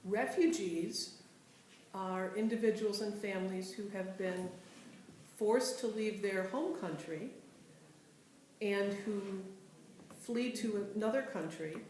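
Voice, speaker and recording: A woman clearly and steadily explaining what refugees are. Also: medium pitch, slow, long pauses, darkish tone. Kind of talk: explanatory interview answer. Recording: very echoey room with faint noise.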